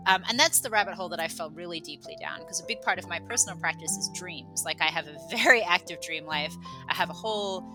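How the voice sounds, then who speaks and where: Podcast guest: woman from England raised in Australia, lowish voice, rambling and self-deprecating, guitar music behind. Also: fast, poor audio. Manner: rambling, self-deprecating, many fillers and restarts. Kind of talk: casual conversational interview.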